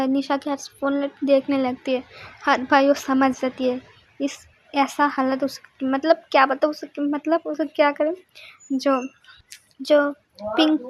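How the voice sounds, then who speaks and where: A woman's voice: sits high, dry recording. A young woman casually retelling a story in a loose, chatty way, with fillers and laughs.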